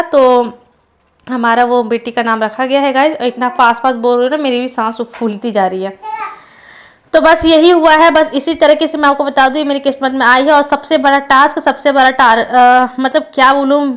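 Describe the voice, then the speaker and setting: Young woman vlogging, high voice, earnest and rambly, keeps restarting her sentences. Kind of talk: casual personal vlog.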